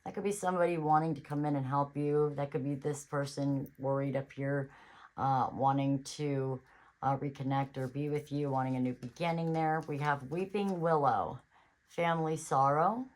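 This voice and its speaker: A woman's voice: low voice, steady tone, moderate pace, a little mellow, poor audio. A woman giving a casual tarot reading on her channel, chatty and reassuring, thinking aloud as she goes. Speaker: tarot reader.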